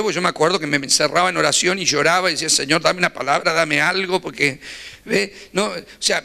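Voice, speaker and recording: A man's voice: high-pitched, vocal fry, sharp tone. A man with a Rioplatense Spanish accent preaching a teaching sermon in a conversational way, full of rhetorical questions. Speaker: pastor.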